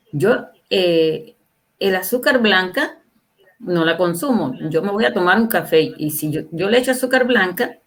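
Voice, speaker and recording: An older woman in her sixties talks at length as a guest on a livestream interview. She keeps up a casual, opinionated flow and presses her points home by firing rhetorical questions at her listeners. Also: lowish voice. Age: 60s. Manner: emphatic, asks the audience rhetorical questions.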